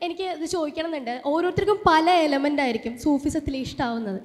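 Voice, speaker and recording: High-pitched young Kerala woman asking a question. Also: expressive, quick pace. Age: young adult. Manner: mixes English words into Malayalam. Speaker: student audience member. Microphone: handheld microphone. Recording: echoey auditorium microphone sound.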